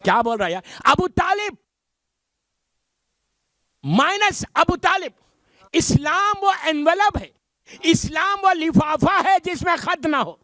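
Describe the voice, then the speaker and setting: High-voiced emphatic middle-aged preacher man. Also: lively intonation, pauses often, pushed and bright. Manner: emphatic preaching with rhetorical questions. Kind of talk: majlis sermon.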